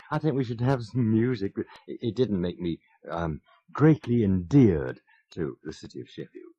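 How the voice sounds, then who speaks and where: On what sounds like a muffled old radio broadcast, a man in his fifties chats through self-mocking stories with a wry edge and frequent chuckles. His fairly low voice is warm and a little rough, with lively intonation and a slightly slow pace. The recording is dry.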